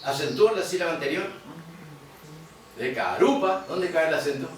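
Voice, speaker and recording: A man's voice: a little high, a crowd in the background. Man teaching, echoey far room. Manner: explanatory, quizzes students, repeats words slowly. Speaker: guaraní teacher. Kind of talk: classroom lecture. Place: museum classroom.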